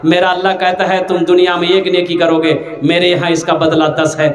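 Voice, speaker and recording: A man's voice: high-pitched, monotone, a little fast, reverberant. A man preaching at a fundraising gathering, making rhythmic appeals and teasing jokes. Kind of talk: fundraising sermon with humor.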